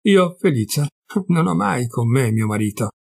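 A man's voice: medium pitch, lively intonation, unhurried, vocal fry, breathy edge, no echo, clean studio sound, exaggerated voice. A man reading a worldly, resigned married sister in a storybook reading, in a matter-of-fact, consoling way. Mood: wry.

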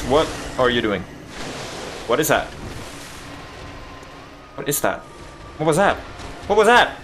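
A young man commenting on a video game he is playing, excitable and jokey, swinging between yelps and mutters. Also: fairly high pitch, background noise. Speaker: gaming YouTuber. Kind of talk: let's play commentary.

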